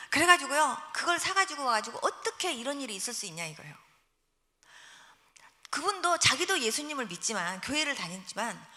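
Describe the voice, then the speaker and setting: Woman pastor, bright high voice, animated testimony sermon in a reverberant church. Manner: animated storytelling, acts out prayers and quotes. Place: church sanctuary.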